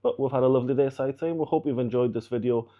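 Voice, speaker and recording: A man's voice: medium pitch, fast talker, phone-quality sound. Chatty man vlogging his travel day. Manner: chatty, relaxed, wraps up to camera. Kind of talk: casual travel vlog chat.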